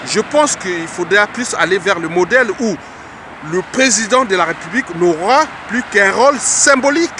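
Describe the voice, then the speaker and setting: Congolese guy giving an earnest speech, kinda high voice, repeats lines like an orator, street noise all around. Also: animated, normal speed. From Republic of the Congo. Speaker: political speaker. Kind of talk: political address.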